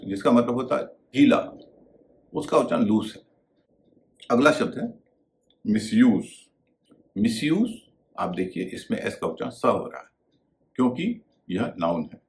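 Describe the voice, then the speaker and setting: A man's voice: mid-range voice, a little mellow, a little hiss or hum. A man teaching English pronunciation, spelling out letters and contrasting word pairs. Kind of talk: pronunciation lesson.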